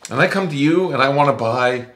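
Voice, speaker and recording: A man's voice: mid-range voice, a little fast, fairly bright tone. A man casually explaining economics with a playful, questioning manner, often laughing as he talks. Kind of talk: casual teaching chat.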